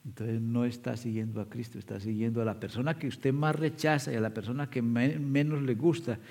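A man of medium pitch preaches a sermon, walking his listeners through a scripture story and asking them pointed questions. His voice rings out with the long reverb of a large church hall. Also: fairly even intonation, fairly quick, creaky, a little mellow. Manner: storytelling, addresses the congregation directly.

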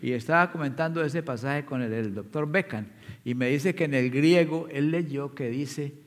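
A man's voice: fairly high pitch, moderate pace. A man preaching a sermon, retelling scripture as a story and speaking straight to his congregation. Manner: storytelling, addresses the congregation directly. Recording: long reverb of a large hall.

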